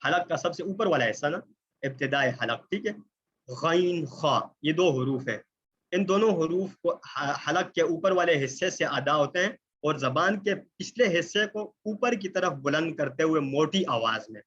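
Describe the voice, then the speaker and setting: A man's voice: a little high, lively intonation, a bit bright, dull audio, a little hiss or hum. Patient man teaching a recitation lesson. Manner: explains patiently, checks in often with "ٹھیک ہے؟"; draws out vowels slowly in example words. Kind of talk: online tajweed lesson. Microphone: computer mic on a video call.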